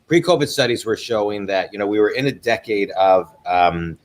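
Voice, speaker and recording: Eager low-voiced man hosting an interview. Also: expressive, normal speed. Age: 40s. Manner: eager, repeats words when starting a thought. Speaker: host. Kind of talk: livestream business interview.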